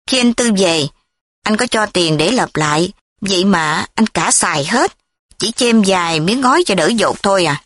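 A woman's voice: mid-range voice, lively intonation, normal speed, a bit bright, no room sound. A woman reading the lines of a talkative, rambling middle-aged aunt in a recorded story. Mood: gossipy.

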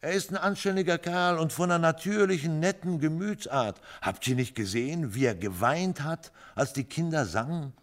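A man reading aloud, voicing a good-natured drinker in a pub who calms the others. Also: fairly high pitch, moderate pace, few pauses, pitched above the performer's own voice, lightly acted. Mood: soothing.

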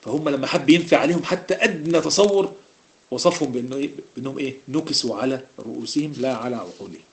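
A middle-aged man with an Egyptian Arabic accent explains scripture in a lively religious lesson, firing rhetorical questions and restarting his sentences. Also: mid-range voice, very fast, a little hiss or hum. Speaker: preacher explaining Quran verses. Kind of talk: religious lesson in colloquial speech.

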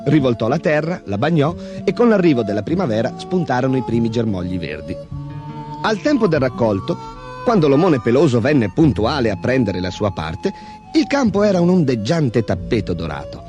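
A man narrating a fairy tale in an expressive, animated way. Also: medium pitch, normal speed, over music. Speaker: storyteller.

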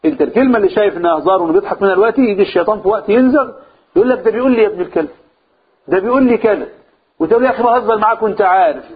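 A man's voice: high voice, lively intonation, very fast. A man with an Egyptian accent explains a religious text to a class. He often stops to ask his listeners questions and repeats key phrases. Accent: Egyptian Arabic. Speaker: religious teacher. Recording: tinny phone-like, husky sound.

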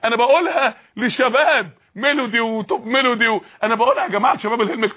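High, fast Egyptian preacher. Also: male voice, pushed and bright. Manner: impassioned, rhetorical repeated questions. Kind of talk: sermon.

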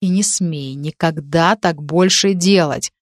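A woman's voice: low voice, slow, dry recording, studio quality. A woman reading the lines of a stern young man who speaks in hard, clipped commands in a storybook.

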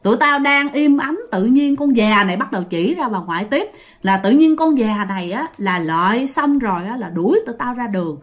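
A woman's voice: fairly high pitch, lively intonation, a little fast, lightly acted. A woman voicing a crowd of vengeful male ghosts speaking through a possessed body, cursing and threatening in a Southern Vietnamese accent. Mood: menacing. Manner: threatening, shouting curses.

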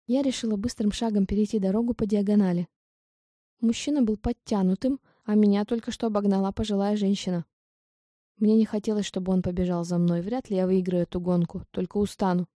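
A woman reading a first-person audiobook in an even, steady storytelling manner. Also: medium pitch, brisk, dry recording, clean studio sound. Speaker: audiobook narrator.

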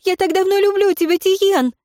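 A woman voicing a desperate young noblewoman in love, high and tearful. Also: moderate pace, darkish tone, no echo, studio quality. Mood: sobbing pleading.

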